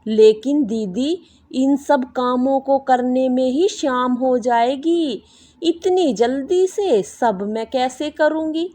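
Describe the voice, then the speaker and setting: A woman voicing a meek, gentle young daughter-in-law who speaks softly and pleads in a storybook. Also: sits high, takes it slowly. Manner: soft, pleading. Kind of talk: storybook voice acting.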